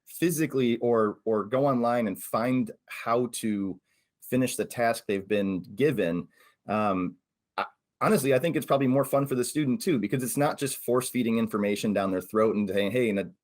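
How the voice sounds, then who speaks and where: A man's voice: mid-range voice, moderate pace, darkish tone, no echo. A man hosting a casual podcast conversation, friendly and conversational with a few fillers. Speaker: podcast host.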